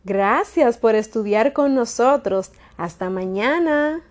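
Woman storyteller for tiny children, gentle and lilting, slightly high voice with a lively rise and fall. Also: takes it slowly. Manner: gentle, sing-song, asks the child questions. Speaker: children's Bible lesson narrator. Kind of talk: storybook narration for toddlers.

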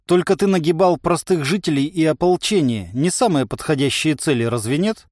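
A man's voice: a little high, expressive, a little fast, darkish tone, dry recording, voice pushed up. A man playing a dry, sarcastic militia chief who interrogates a prisoner in an ironic, clipped way. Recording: dry close studio sound.

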